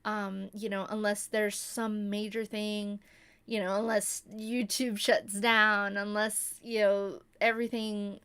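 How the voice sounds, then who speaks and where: A woman YouTube creator talking casually to her viewers, soft-spoken and rambling with many fillers. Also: mid-range voice, level tone, takes it slowly, clear, resonant tone. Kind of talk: casual talk to camera.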